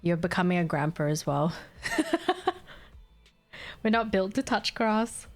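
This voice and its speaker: Faint music sits under this casual live-stream chat from a woman gamer in Australia whose native language is Vietnamese. She sounds tired, giggly and scatterbrained, reading chat aloud in a lowish voice that runs a little slow.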